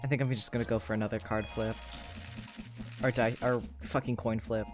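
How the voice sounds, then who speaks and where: A livestreamer in casual chat while playing a game, excitable, swearing freely and often repeating words. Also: mid-range voice, fairly quick, faint music behind.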